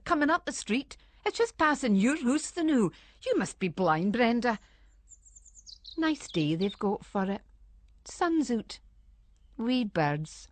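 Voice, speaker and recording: Here a woman with a mid-range voice, recorded with no room sound at all, plays a worried Scottish wife whose husband is missing. She delivers a chatty radio monologue in Scots dialect, talking casually to an unseen friend.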